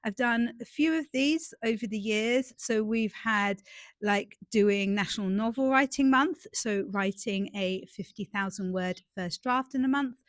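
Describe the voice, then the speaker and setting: A romance author and YouTuber chats casually and self-deprecatingly to camera outdoors in a garden. Her voice is a little high and stuffy-nasal from a cold, in a dry recording.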